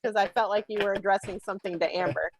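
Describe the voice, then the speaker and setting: A woman's voice: medium pitch, steady tone, fast, slight background noise, low-quality recording. A woman moderating a video call panel, chatty and good-humored.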